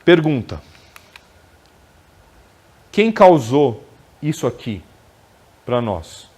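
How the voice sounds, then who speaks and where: A man's voice: medium pitch, big pitch swings, drawn-out words, a little mellow, slightly rough. A man giving a conversational spiritual lecture at a spiritist center, often ending phrases with tag questions. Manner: conversational, frequent tag questions, acts out quoted dialogue.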